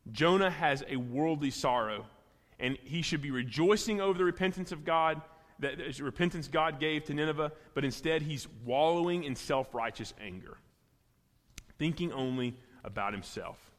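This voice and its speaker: A man's voice: a little high, expressive, normal speed. A man giving an earnest sermon, sometimes acting out biblical figures, with small restarts as he goes. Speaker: pastor. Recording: long reverb of a large hall.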